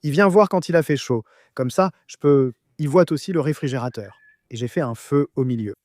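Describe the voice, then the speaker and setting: A man's voice: medium pitch, fairly quick, darkish tone, dry recording, clean studio sound. A man bantering casually with friends, often repeating short commands insistently.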